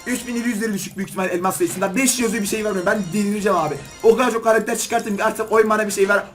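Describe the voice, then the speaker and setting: A man doing excited gaming commentary as a YouTuber, pleading with and scolding the game while opening loot boxes. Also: high-pitched, rapid-fire, faint music behind.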